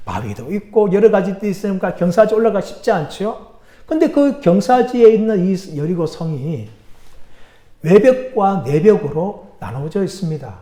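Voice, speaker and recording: A pastor delivering a sermon, telling a story animatedly and asking the congregation questions. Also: male voice, high voice, echoey room. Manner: animated storytelling, acting out quoted characters. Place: church sanctuary.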